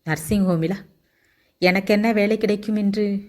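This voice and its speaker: A woman narrator voicing an anxious young woman who has lost her memory, speaking in a soft, raised, plaintive way. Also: medium pitch, steady tone, a little slow, natural voice. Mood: bewildered.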